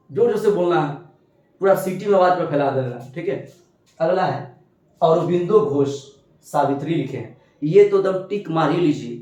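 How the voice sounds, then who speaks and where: Male teacher, slightly high voice, lively quiz-style delivery, heavy room echo. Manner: animated, asks and answers his own questions. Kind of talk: exam-prep lesson with memory tricks. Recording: very echoey room.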